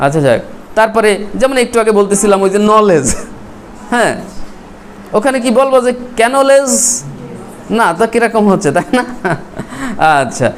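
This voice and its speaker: Classroom teacher, mid-pitched, drills and spells vocabulary, faint room hum. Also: big pitch swings, moderate pace, long pauses. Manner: spells words out letter by letter and quizzes students.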